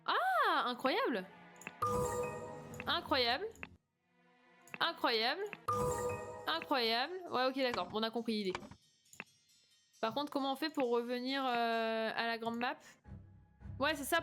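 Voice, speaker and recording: A woman's voice: on the high side, moderate pace, over music. A young woman streaming a game, chatting casually, hesitant and reading game text aloud. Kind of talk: casual let's-play chat.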